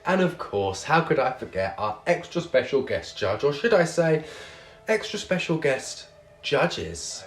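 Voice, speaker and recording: A man's voice: on the high side, sing-song, measured pace, faint music behind. A man hosting a show as a drag queen, with a camp, cheeky, theatrical manner. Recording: roomy echo on the voice.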